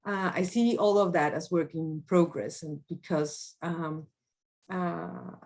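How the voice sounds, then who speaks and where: A woman's voice: on the low side, slow, darkish tone. Hesitant Colombian-born woman lecturing. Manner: hesitant, many fillers and restarts. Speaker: guest speaker. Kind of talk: academic talk.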